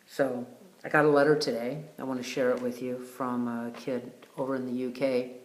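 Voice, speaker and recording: A man hosting a retreat, giving a casual, heartfelt video message with many pauses and fillers. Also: medium pitch, flat delivery. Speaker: retreat host. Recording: roomy echo.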